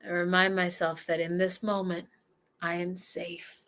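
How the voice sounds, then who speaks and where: A fairly low, level-toned woman's voice guides a slow relaxation exercise. She speaks softly in the first person and stops now and then to breathe and sigh.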